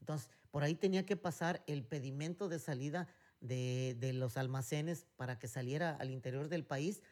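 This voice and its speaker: A man's voice: on the high side, moderate pace, a little mellow. A middle-aged man with a Mexican accent, co-hosting a casual chat and rambling through stories with many fillers and restarts. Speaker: podcast co-host.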